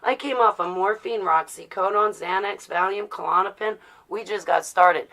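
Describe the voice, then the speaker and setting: Through a low-quality recording comes a medium-pitched, creaky, slightly bright female voice at normal speed. The forty-something American vlogger from New Jersey rambles personally and bluntly, defiant, with plenty of rhetorical questions.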